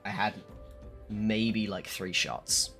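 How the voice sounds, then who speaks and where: A hungover man streaming a game, chatting casually and haltingly with some swearing, his voice a little rough. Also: lowish voice, pushed and bright, faint music behind. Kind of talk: casual livestream chat.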